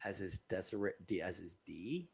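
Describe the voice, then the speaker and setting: A man co-hosting a live stream, reading out viewer questions and thanking supporters in a casual, halting way. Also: low-pitched, animated, creaky, slightly rough. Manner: halting, with many ums and uhs.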